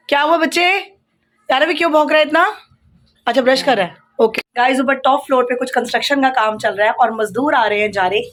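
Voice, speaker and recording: चहकती आवाज़ में बातें करती महिला vlogger. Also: female voice, a little high, fairly bright tone. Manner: chatty, mixes English words into her talk; raises her voice over a barking dog. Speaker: vlogger. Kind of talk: casual home vlog chat. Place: home kitchen and rooms. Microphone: phone held while she works.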